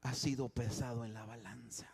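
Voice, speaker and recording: A man preaching a sermon as pastor in a church, swinging from hushed, quiet passages to loud emphatic ones and often repeating and restarting his phrases. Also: mid-range voice, fairly even intonation, moderate pace, creaky, slightly rough.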